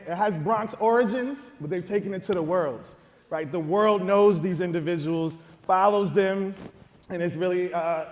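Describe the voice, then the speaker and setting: A podcast host and panel moderator with a high voice hypes up each guest as he introduces them at a live panel. His introductions are energetic, and the sound is roomy, as in a large hall.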